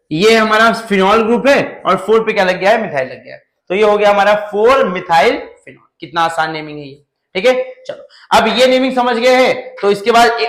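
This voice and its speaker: A male chemistry teacher with a high voice gives an animated lecture in an echoey room. He asks his class questions and answers them himself, and jokes as he goes.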